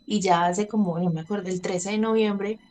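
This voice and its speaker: A woman's voice: mid-range voice, fairly even intonation, normal speed, a little mellow. A Colombian woman in her thirties speaking openly in an interview, often laughing lightly and acting out what she said at the time. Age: 30s. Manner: candid, laughs between sentences, acts out her own past words. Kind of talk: personal testimony in conversation.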